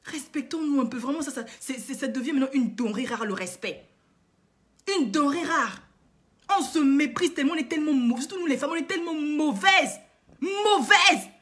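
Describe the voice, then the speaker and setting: Brief: woman vlogger with a high voice, indignant, lectures her viewers through repeated rhetorical questions. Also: a little fast. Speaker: online coach and vlogger. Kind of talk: impassioned moralizing monologue to viewers.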